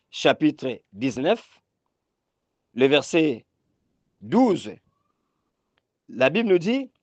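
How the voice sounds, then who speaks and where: A man preaching a sermon with emphatic, repeated phrases and calls for amen. His voice sits fairly high for a man. The sound is dry and close, with little room in it. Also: dry recording, muffled recording. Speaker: pastor.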